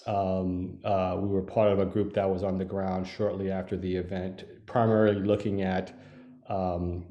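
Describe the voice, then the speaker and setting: Man, very deep voice, flat and mellow, halting panel talk full of fillers, echoey room. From Haiti. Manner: hesitant, many fillers and restarts. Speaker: panelist, earthquake engineer. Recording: roomy echo.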